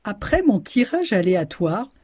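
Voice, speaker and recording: Female narrator, warm husky tone, calm measured read, dry close sound. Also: medium pitch, no echo. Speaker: presenter. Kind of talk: scripted narration.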